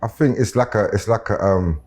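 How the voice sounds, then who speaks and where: A man's voice: fairly low pitch, brisk, darkish tone. A man with a South London roadman accent chatting casually as a guest rapper on a podcast, using plenty of street slang. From Brixton, South London. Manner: street slang with frequent tags like "innit" and "you know what I'm saying".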